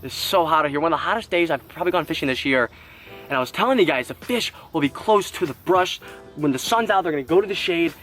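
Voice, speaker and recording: An excitable young man with a somewhat high voice talks to his camera while fishing at a pond outdoors. He exclaims often and sounds hot and sweaty in the heat. Faint music plays underneath. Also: fast. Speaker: fishing vlogger. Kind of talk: casual vlog talk to camera. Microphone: action camera.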